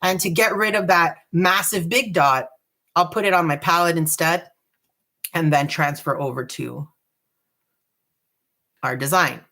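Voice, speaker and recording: A woman hosting a live dot painting tutorial, chatty and relaxed, joking about her own nerves. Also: lowish voice, unhurried, pauses often. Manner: chatty, relaxed, self-deprecating. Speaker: craft tutorial host.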